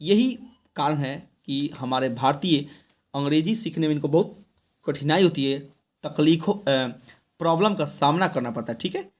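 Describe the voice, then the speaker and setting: A male English teacher from Bihar, with an Indian English accent, teaching an exam-prep lesson. He reads English answers out slowly and then explains them in quick, colloquial Hindi. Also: a little high, expressive.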